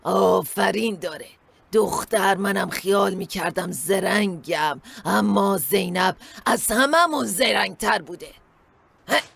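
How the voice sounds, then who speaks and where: A woman's voice: medium pitch, gravelly, a bit bright, slightly rough, heavily acted. A woman voicing a mother who has dozed off and turns to scolding her daughter, in a dubbed drama. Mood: drowsy. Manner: scolding, exclamatory. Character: older mother, drowsy then scolding.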